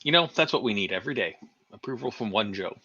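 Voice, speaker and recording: A man's voice: fairly low pitch, lively intonation, quick pace, pushed and bright, breathy edge, dry recording. A man co-hosting a casual live stream, making dry jokes and reading out chat comments. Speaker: livestream co-host. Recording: dull lo-fi stream audio.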